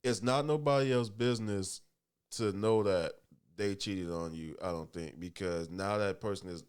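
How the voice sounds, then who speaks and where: A man's voice: deep voice, normal speed, clear, resonant tone. A man in his late twenties co-hosting a podcast, chatting casually in a laid-back, reflective way. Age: 20s. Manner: laid-back, reflective, many "yeah"s and "you know"s. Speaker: podcast co-host. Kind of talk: casual chat.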